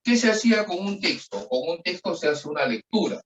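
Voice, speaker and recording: A man with a Chilean accent teaching an online class, explaining patiently and checking in with frequent questions. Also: high voice. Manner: drills answers in slow, even call-and-response. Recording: roomy, distant from the mic.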